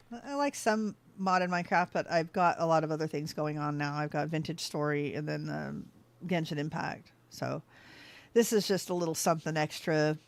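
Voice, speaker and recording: With a low voice and noticeable vocal fry, a woman plays a game on a livestream. Her talk with viewers is casual, distractible and punctuated by frequent laughter.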